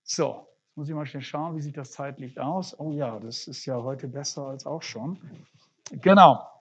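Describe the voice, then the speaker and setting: A preacher giving a sermon, searching for words and often restarting phrases, with lively swings in pitch and loudness. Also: normal speed, breathy edge. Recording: dull lo-fi recording.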